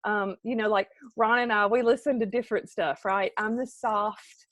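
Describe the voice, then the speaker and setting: A middle-aged woman, giving an animated motivational talk to her team on a live video and calling out viewers by name. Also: medium pitch, moderate pace, no room sound. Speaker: team leader.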